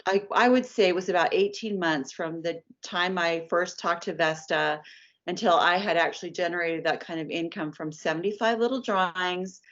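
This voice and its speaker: Animated storytelling woman in her fifties. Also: fairly low pitch, moderate pace. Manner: animated storyteller, acts out quoted voices. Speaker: licensed artist, guest. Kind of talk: storytelling interview answers. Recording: dull lo-fi sound.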